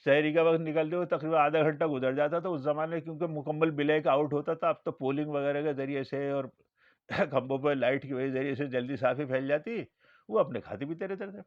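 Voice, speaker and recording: A man's voice: a little high, fairly even intonation, no echo. A man giving a religious lecture as an Islamic scholar, telling anecdotes and acting out the dialogue in them. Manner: storytelling, acts out dialogue in quoted lines. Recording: dull lo-fi recording.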